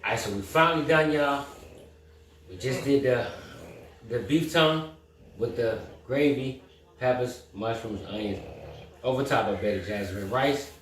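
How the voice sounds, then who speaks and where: A man's voice: medium pitch, unhurried, long pauses, fairly bright tone. A laid-back man hosting a home cooking show, chatting casually and chuckling in his kitchen. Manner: laid-back, chuckling, talks with mouth full while tasting. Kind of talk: casual chat. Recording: echoey room from a distance.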